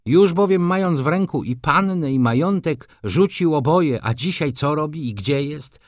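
A man's voice: fairly high pitch, lively intonation, normal speed, no room sound, clean studio sound, pitched above the performer's own voice, natural voice. A man voicing a brusque, sardonic middle-aged doctor in an audiobook, scolding and ironic.

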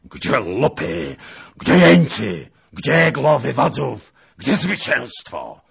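A man voicing an angry, hoarse Tatar warlord in an audiobook reading, shouting threats. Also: a bass voice, sing-song, a little slow, full character voice. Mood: furious.

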